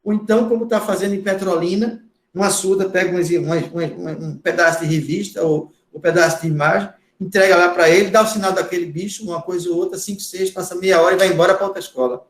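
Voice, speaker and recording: Male instructor, high, forceful lecturing voice, echoey room. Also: fairly even intonation, fast talker, few pauses. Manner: loud, emphatic, repeats words for stress. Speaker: course instructor. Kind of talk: lecture to a class.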